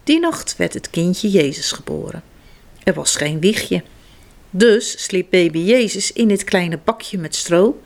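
Slow, lively woman reading a children's story. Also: on the low side. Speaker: storybook reader. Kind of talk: reading a children's picture book aloud.

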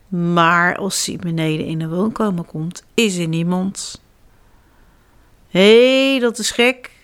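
A woman reads picture-book stories aloud to young children. Her delivery is slow and deliberate, with a very lively, swooping pitch. She talks straight to her little listeners. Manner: animated, addressing children directly. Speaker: children's storyteller.

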